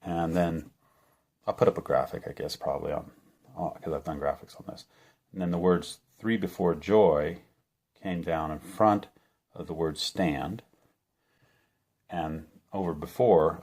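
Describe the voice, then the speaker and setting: A middle-aged man with a very deep voice tells the story of a vivid dream. He talks in a rambling, earnest way, stopping and restarting often and leaning on fillers. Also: darkish tone, breathy edge. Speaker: channel host. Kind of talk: personal testimony to camera.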